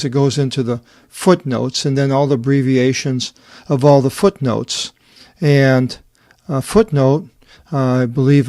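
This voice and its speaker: Halting man walking through a book. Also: medium pitch, a little mellow, no echo, clean studio sound. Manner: halting, many fillers and restarts. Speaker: Bible translator presenting his edition. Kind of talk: unscripted screen walkthrough.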